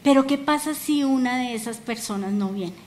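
A woman pastor delivers a sermon in a high, bright voice. She pushes hard on her calls to the congregation, then softens and lowers for the personal moments. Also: normal speed. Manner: emphatic, rising to calls and dropping low for intimate points.

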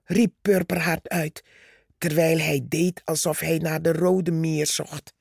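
A woman reading a fable aloud in a measured, unhurried narrating voice. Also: low voice, fairly even intonation, gravelly, darkish tone, husky, dry recording, studio quality. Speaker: guest reader. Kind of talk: storybook read-aloud narration.

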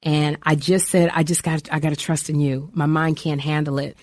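A woman's voice: low voice, level tone, moderate pace, darkish tone, dry recording, studio quality. A middle-aged woman speaking candidly and emotionally about faith, bringing her stories to life with quoted voices. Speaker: guest.

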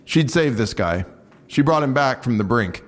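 An actor voices a guarded male patrol officer in a naturalistic audio drama, using a mid-range, near-everyday voice with lively intonation at a moderate pace. The character is blunt, offhand, plain-spoken and reluctant to talk.

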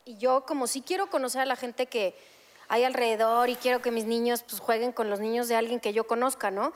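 A woman's voice: a little high, fairly even intonation, fairly quick, long reverb tail. A woman co-hosting a casual chat who chattily steers the conversation to new topics. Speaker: podcast co-host.

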